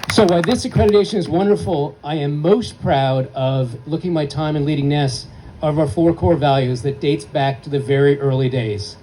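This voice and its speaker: A man stands at a podium microphone delivering a heartfelt acceptance speech. His voice sits a little high yet sounds warm and mellow. He ticks through his points earnestly and leans into a personal story, with a faint hiss behind him. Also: rough recording. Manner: earnest, heartfelt, emphatic list-making. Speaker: award recipient giving acceptance speech. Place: award ceremony event.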